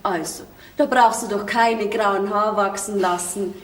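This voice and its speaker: A young actress with a Bavarian accent, playing a cheeky, headstrong young bride-to-be. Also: female voice, mid-range voice, steady tone, unhurried, far from the mic, close to an everyday voice. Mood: mocking. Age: young adult. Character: spirited, stubborn young bride-to-be. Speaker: stage actress. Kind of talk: folk theater comedy acting. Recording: echoey stage sound, off-mic.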